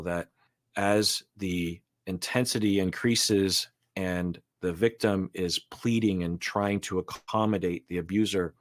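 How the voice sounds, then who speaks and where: A man speaking as a therapist in casual reaction commentary, thoughtful and hesitant, explaining relationship patterns. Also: deep voice. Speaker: therapist co-host reacting to a reality show.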